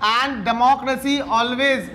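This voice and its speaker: In a classroom civics lecture, an Indian-accented man speaks with an extremely high, sharp voice, fairly even intonation and drawn-out words, with slight background noise. He blends Hindi and English, asks rhetorical questions of himself and checks in with the class.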